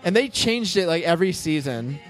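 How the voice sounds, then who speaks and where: A man's voice: on the high side, very animated, brisk, faint music behind, low-quality recording. A man co-hosting a podcast in casual, jokey banter. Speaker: podcast co-host. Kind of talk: casual chat.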